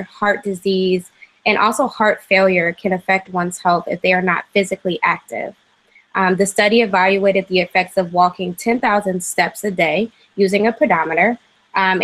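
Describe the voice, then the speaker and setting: A 25-year-old woman from Cleveland gives a class presentation. She pauses often with "um" fillers. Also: medium pitch, fairly bright tone, rough recording. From Cleveland, Ohio, USA. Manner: hesitant, frequent "um" fillers. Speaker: graduate student presenter.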